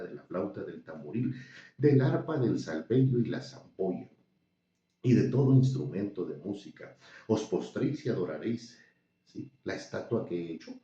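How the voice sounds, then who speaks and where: Man reading as a wrathful old-world king, commanding, low and dark voice, distant roomy sound. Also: lively intonation, normal speed, natural voice. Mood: threatening. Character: proud, wrathful ancient male king. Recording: dull, roomy, distant recording.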